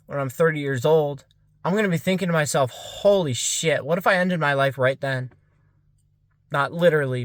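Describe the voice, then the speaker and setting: A man's voice: fairly high pitch, fairly bright tone, no room sound, studio quality. A young man of about twenty musing aloud in a rambling vlog monologue, full of "like" fillers. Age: around 20. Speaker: vlogger. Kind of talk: casual reflective monologue.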